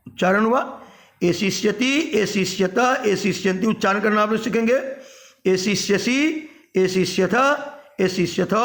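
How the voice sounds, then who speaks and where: A man teaching a grammar lesson, chanting verb forms in a slow sing-song drill and then explaining them. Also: high-pitched, vocal fry, fairly bright tone. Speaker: Sanskrit teacher.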